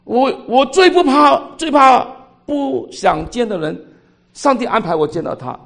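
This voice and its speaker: Gravelly high-pitched older preacher. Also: male voice, unhurried. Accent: Cantonese. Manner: animated, voice swings between loud and quiet. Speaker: pastor. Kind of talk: sermon storytelling.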